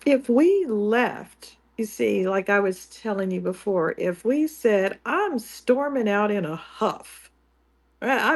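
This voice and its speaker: Slow, deliberate woman co-host. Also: medium pitch. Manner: slow, deliberate and confident, with dry humor. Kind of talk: casual talk-show chat.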